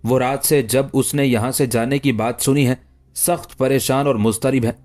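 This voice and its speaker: A man's voice: mid-range voice, steady tone, normal speed, darkish tone, soft background music, close to an everyday voice. A man reading the lines of an earnest young woman confiding a secret in an audiobook story. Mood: urgent.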